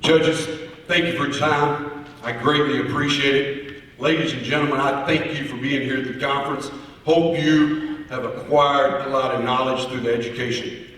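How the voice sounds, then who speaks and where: A man's voice: mid-range voice, steady tone, fairly bright tone. Man speaking in a big echoey hall. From Oklahoma, US. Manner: courteous, earnest, deliberate oratory. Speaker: auctioneer, contest finalist. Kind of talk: formal spoken contest answers. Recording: echoey hall, heard from far off.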